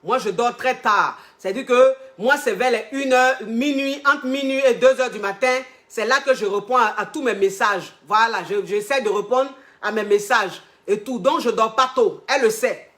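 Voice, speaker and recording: A woman relationship coach tells a story in an animated way, repeating herself and acting out quotes. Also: fairly high pitch, moderate pace, few pauses. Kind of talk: storytelling monologue.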